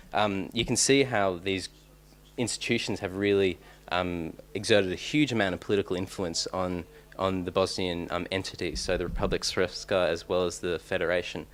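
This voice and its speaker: A young man with an Australian accent presents research at a conference. His voice sits very low, and he pauses often with ums and false starts. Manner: hesitant, many ums and restarts. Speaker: conference speaker.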